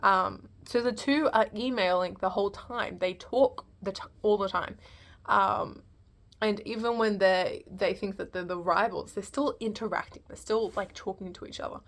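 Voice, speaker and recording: A woman's voice: medium pitch, moderate pace. A woman giving a casual, unscripted film review, hesitant and rambling as she thinks aloud.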